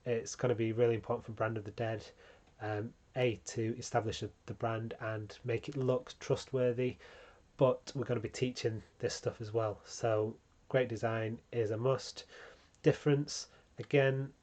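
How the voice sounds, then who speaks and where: A man's voice: medium pitch, moderate pace. A man hosting a branding tutorial, talking casually with frequent ums and small restarts. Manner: relaxed, many ums, self-correcting. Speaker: channel host teaching branding.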